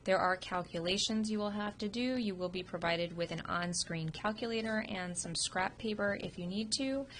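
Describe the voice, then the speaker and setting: A sick, sniffling woman instructor records an informal review of a radiography test over slides, using a computer microphone. Her mid-range, slightly bright voice moves at a moderate pace with hardly any pauses, and there's slight background noise. She's explanatory, with frequent ums.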